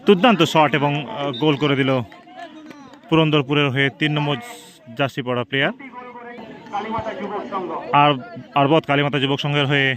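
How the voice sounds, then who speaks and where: A man's voice: fairly high pitch, little pitch movement, normal speed, pauses often. A man gives live football commentary outdoors at a local ground. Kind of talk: live sports commentary of a penalty shootout. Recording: outdoor recording with crowd noise. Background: crowd.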